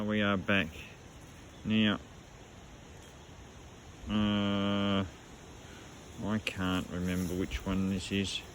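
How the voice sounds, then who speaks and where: A man's voice: on the low side, slight background noise. An Australian man talking casually as he metal detects outdoors, laid-back and salty, with Aussie slang and the odd mild swear. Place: outdoors on the goldfields, rural bush. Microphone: camera mic outdoors, wind at times.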